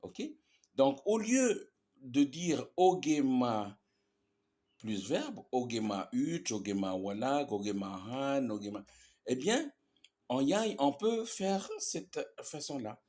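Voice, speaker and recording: A male teacher walks through grammar examples at an unhurried pace. He repeats each word, drawing it out slowly, and checks in with "ok?" as he goes. His pitch moves around a lot as he stresses the examples. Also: very animated, a little mellow. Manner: patient, repeats examples, many fillers and checks with "ok?". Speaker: language teacher. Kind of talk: explaining grammar in a language lesson.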